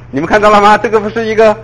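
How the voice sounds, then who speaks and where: A man preaching a sermon in a lively way. He fires off rhetorical questions at his listeners and often chuckles at his own points. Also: high voice, rough recording.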